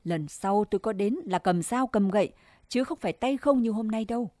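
A woman's voice: medium pitch, normal speed, no echo, studio quality, lightly acted. A woman doing a fierce, scolding village wife. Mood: stern. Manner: sharp, scornful berating.

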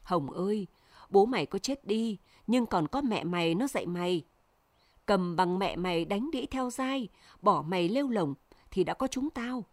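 A woman's voice: mid-range voice, animated, normal speed, no echo, close to an everyday voice. A woman reading the lines of a spiteful middle-aged aunt who scolds and curses a child, in a dry recording. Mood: scornful. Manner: harsh, cursing.

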